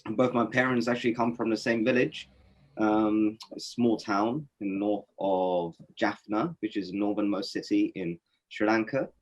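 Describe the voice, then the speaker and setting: A man's voice: lowish voice, level tone, moderate pace, highs cut off. A man from Norway, a poet and interview guest, giving thoughtful, reflective answers with many fillers and restarts on a webinar call. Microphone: webinar video call.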